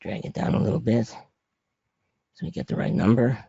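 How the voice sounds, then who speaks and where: A man with a raspy, papery, hoarse voice presenting an informal slide lesson as an instructor, plain-spoken and conversational. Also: on the low side, sing-song, moderate pace, warm tone, no echo. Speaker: trading instructor presenting a webinar. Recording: dry, muffled lo-fi audio.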